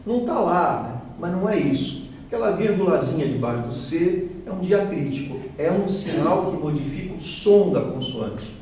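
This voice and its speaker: A Brazilian Portuguese-accented man lectures as a guest at a spiritist center, explaining with slides in a chatty way and frequently checking on his audience. He speaks on the high side, mellow and lively, at a moderate pace with few pauses. The big hall echoes heavily, he's distant from the mic, and there's faint noise.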